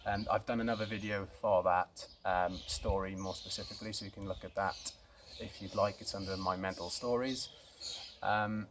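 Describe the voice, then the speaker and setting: Man, South Welsh Swansea accent, fairly low pitch, casual self-introduction, hesitant delivery, faint noisy ambience. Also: steady tone, normal speed. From Swansea, Wales. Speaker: co-founder of a youth mental health organisation, introducing himself.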